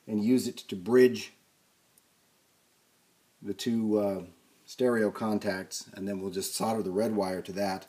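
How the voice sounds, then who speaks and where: In a low, dark-toned voice, a man hosting a series on restoring vintage record players thinks out loud during an unscripted, hands-on repair demo, keeping it casual.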